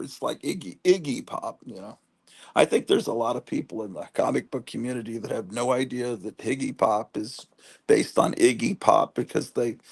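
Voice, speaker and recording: This comic collecting livestream host, a man in his late fifties, has a husky, gravelly mid-range voice and a relaxed, chatty manner. He reads out viewer messages, drifts between anecdotes, loses his thread and picks it back up, and often jokes at his own expense.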